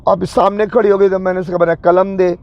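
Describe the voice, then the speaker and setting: A man recounts memories from his youth in a slow, reminiscing storytelling manner. His voice sits high and carries a rough, gravelly fry. The recording sounds muffled and lo-fi. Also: flat delivery. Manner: unhurried, reminiscing narration. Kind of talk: personal storytelling. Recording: dull lo-fi recording.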